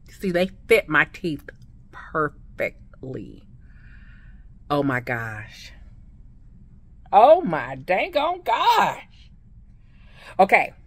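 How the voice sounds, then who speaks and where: A woman with a slight lisp, speaking with new veneers in an excited, gushing casual vlog to her viewers. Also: lowish voice. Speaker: vlogger. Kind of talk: casual product review vlog.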